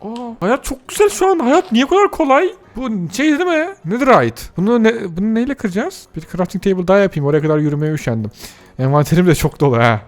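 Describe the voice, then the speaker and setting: Excitable young man with jumpy pitch. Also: quick pace, faint music behind. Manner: excitable, gasps and shouts at surprises; chatty, talks to viewers and himself. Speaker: gaming youtuber. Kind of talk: excited let's-play commentary.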